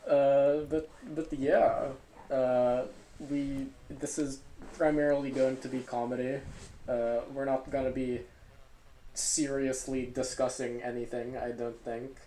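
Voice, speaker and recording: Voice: medium pitch, level tone, slow pace, warm tone, echoey room, a little hiss or hum, low-quality recording. A podcast co-host in casual comedy chat, rambling and hesitant with many filler words, on a makeshift microphone. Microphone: makeshift microphone, not the usual one.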